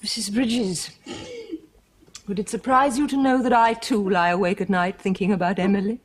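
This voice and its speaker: An actress playing the aristocratic mistress of a household in a period television drama. She gives crisp upper-class orders and then gentle reassurance. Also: medium pitch, steady tone, moderate pace, close to an everyday voice. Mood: soothing. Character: aristocratic lady of the house, firm yet kindly.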